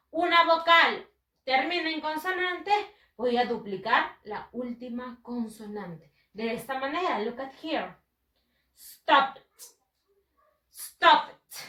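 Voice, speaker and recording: Woman, teacher for kids, bright and deliberate, roomy sound. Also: sits high, animated, recorded from a distance. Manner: patient, repeats words slowly and switches between English and Spanish. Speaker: English teacher. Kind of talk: recorded online class for children.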